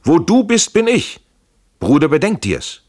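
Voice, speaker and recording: A man's voice: a little high, huge pitch swings, a little slow, darkish tone, pitched above the performer's own voice, heavily acted. A man voicing a desperate, injured young officer who pleads in a strained, urgent way. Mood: pleading.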